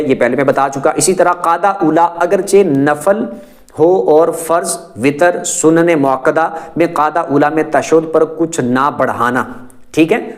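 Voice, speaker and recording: A man giving a methodical religious lesson, explaining step by step and often checking in with his listeners. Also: on the high side. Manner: methodical, repeats points with frequent check-ins. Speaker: religious teacher.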